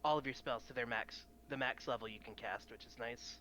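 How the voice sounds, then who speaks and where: A man runs a tabletop game and walks the players through the rules with patience. His voice is bright and forceful, and he steers the session along. Faint noise sits in the background. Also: mid-range voice, a little fast. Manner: patient, explains rules and keeps the game moving. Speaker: game master. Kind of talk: casual tabletop game talk.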